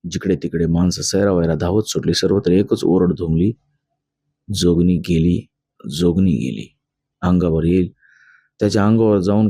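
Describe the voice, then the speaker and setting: Man narrating a novel, very low and mellow voice, dry close sound. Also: no room sound. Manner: steady storytelling, voicing the dialogue himself. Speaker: audiobook narrator.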